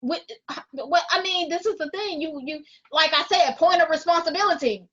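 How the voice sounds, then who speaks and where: Woman co-host, casual debate, deliberate and argumentative, slightly muffled lo-fi audio. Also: very high-pitched, a bit bright. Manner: deliberate, argumentative, repeats phrases to hold the floor. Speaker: podcast co-host. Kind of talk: casual chat.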